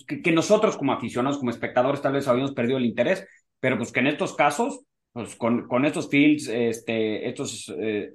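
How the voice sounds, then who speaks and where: A man co-hosting a casual golf podcast, talking in long rambling sentences full of fillers. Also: mid-range voice. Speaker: podcast co-host.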